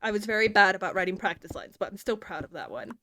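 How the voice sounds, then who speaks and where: A woman's voice: medium pitch, animated, fast talker, pushed and bright, a little hiss or hum. A woman from the Southern United States with a Southern accent, chatting casually on a livestream. She is playful, laughs often and stumbles over her words. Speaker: streamer.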